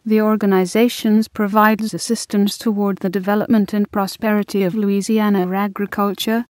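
Dry, steady female narrator. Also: medium pitch, moderate pace, dry recording. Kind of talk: scripted narration of an encyclopedia-style text.

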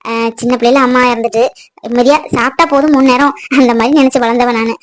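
Woman plays a sharp-tongued young village wife, rapid delivery. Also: fairly high pitch, fairly even intonation, natural voice. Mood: sad. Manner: sharp-tongued, teasing and scolding. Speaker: wife in family skit. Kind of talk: village family drama acting.

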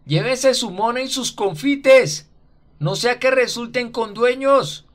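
A man voices a trembling, shaken shoemaker in a radio story. His shouts come high, hoarse and drawn out, his voice pushed well above the narrator's own register. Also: slow pace.

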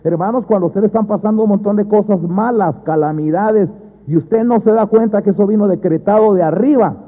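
Husky high-voiced pastor preaching. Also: male voice, fairly quick. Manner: swings from loud emphatic bursts to low quiet asides; keeps addressing the church as brothers. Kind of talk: sermon. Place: church. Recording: thin phone-like sound.

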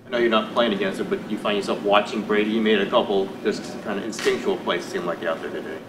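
A man's voice: fairly low pitch, steady tone, fast, reverberant, far from the mic, a crowd in the background, low-quality recording. A male reporter asking questions at a press conference, stumbling and restarting his phrasing. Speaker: sports reporter. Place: indoor press room.

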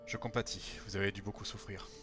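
A man's voice: on the low side, little pitch movement, fast talker. A man doing a let's play, reading game dialogue choices aloud. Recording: game music behind the voice.

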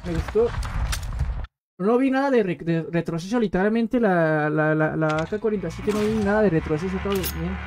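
A man's voice: high voice, normal speed, darkish tone, a little hiss or hum. A man chatting casually on a game live stream, rambling in slang and repeating words as he plays. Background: game music.

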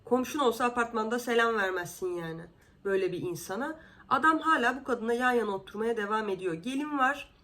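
A woman talks straight to camera as a vlogger, fed up and sarcastic about what she is describing. Her voice sits a little high, and she keeps leaping upward on her words before dropping back down. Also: quick pace. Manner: indignant, sarcastic, exasperated; animated, with sudden pitch jumps. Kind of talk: casual commentary.

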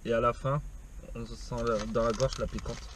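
A man reviewing fast food in a casual vlog, talking with his mouth full of burger and chewing between words. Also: medium pitch, little pitch movement, a little hiss or hum. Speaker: food vlogger. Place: parked car.

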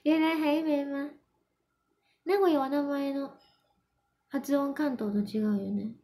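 A young Japanese woman hosting a relaxed livestream, her voice sitting high and her words unhurried. She giggles often, drifts between Mandarin and Japanese, and reads out viewer comments as she goes. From Yamanashi, Japan. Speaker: idol livestream host. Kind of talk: casual livestream chat.

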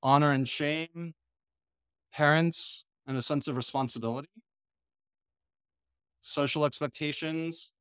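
Over a webcam on a video call, a middle-aged American man leads a discussion in an online conference lecture from a small indoor room. His medium-pitched voice is clean and fairly bright, and he speaks in a measured, thoughtful way, pausing on ums and restarting sentences. The audio is close and dry with no room echo.

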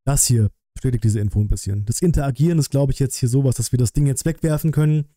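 A man in his thirties thinks aloud on a live stream as he reacts to a game trailer, musing in colloquial phrases. He talks fast in a strikingly bright, crisp-edged voice of middling pitch. The sound is dry and close, with no echo.

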